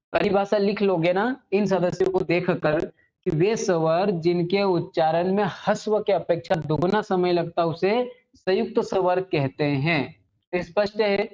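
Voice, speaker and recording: A teacher runs a classroom grammar lesson at a middle pitch, putting a question to the class and then answering it straight away. Each definition is repeated slowly, word by word, so students can copy it down. The recording is dull and lo-fi. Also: a little mellow. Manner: asks the class questions and answers them himself.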